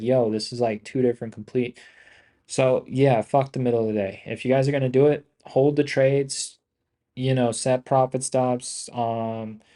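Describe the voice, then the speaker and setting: A man's voice: medium pitch, warm tone. A man hosting a trading livestream, chatting casually to viewers in a slangy, rambling, repetitive way with plenty of swearing. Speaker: day trader hosting a livestream.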